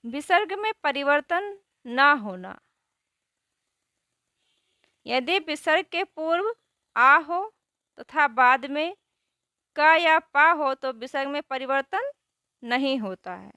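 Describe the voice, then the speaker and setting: A woman teaching a grammar lesson who asks questions and answers them herself, spelling out words slowly. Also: high voice, animated, pushed and bright, dry recording, studio quality.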